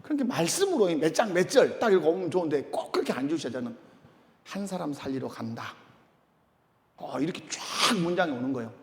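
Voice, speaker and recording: A man's voice: a little high, fast talker, hardly any pauses. A middle-aged man preaching a sermon in a church, calling out questions to the congregation. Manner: animated, calls out questions to congregation. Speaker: pastor. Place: church sanctuary. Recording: long church reverb.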